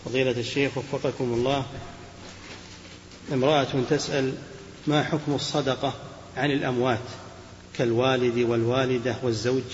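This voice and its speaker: Flat-voiced man reading out questions. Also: mid-range voice, a little fast, long pauses. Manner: formulaic, steady reading, each question opened with a polite address. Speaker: reader of questions to the sheikh. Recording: roomy, dull old hall recording with faint hiss.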